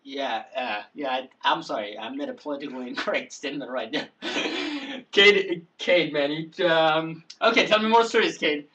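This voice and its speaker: A man's voice: on the high side, normal speed, hardly any pauses, sharp tone, distant mic. A man hosting a casual chat show, stammering, repeating words and giggling. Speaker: host.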